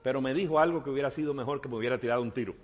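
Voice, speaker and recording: A man preaching as a pastor, telling a story with hushed asides that build to loud, fervent preaching. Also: mid-range voice, racing. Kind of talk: sermon with storytelling. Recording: long hall reverb.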